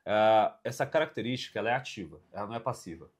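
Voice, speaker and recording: A Brazilian man with a tongue-tied lisp, teaching the Bible informally as a co-host, explaining haltingly and checking for agreement. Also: lowish voice, lively intonation. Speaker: podcast co-host.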